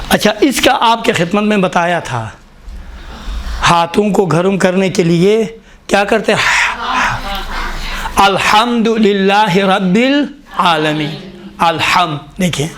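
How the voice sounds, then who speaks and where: High-voiced man teaching recitation patiently. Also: slight background noise. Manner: patient, questioning, often says "look". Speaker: tajweed teacher. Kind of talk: classroom lesson.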